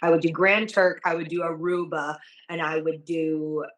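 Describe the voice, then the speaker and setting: A woman's voice: sits low, fairly even intonation, moderate pace. An upbeat, enthusiastic woman chatting casually as a cruise director being interviewed. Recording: echoey room, distant from the mic.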